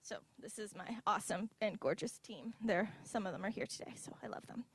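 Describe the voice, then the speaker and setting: A woman's voice: medium pitch, fairly quick, slightly rough, no echo. Woman, 20s. Earnest personal speech with light humor, dry close-miked sound. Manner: earnest, heartfelt, with light asides. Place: university event hall.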